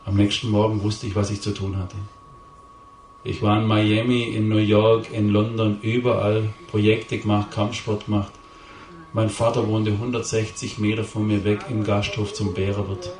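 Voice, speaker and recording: A man's voice: lowish voice, flat delivery, normal speed, darkish tone. A middle-aged man speaks to a crowd in a roomy hall, and his voice carries from some distance from the mic. He tells a confessional story with intensity and hammers home key words by repeating them. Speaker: lay preacher giving his testimony. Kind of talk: emotional testimony speech to a live audience.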